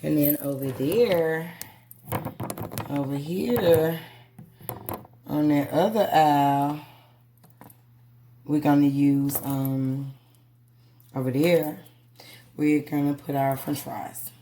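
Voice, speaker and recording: A middle-aged woman with a smoker's rasp, chatting casually to viewers while busy in her kitchen. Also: deep voice, fairly even intonation, slow pace, long pauses, mellow. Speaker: vlogger. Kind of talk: casual chatty cook-with-me vlog. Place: indoor home kitchen. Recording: noisy kitchen with clattering and clicks.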